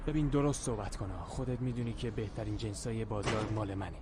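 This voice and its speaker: A man's voice: on the low side, steady tone, close to an everyday voice. A man dubbing a frustrated dealer who keeps complaining about bad business. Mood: grumbling. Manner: grumbling, insistent. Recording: city street noise behind.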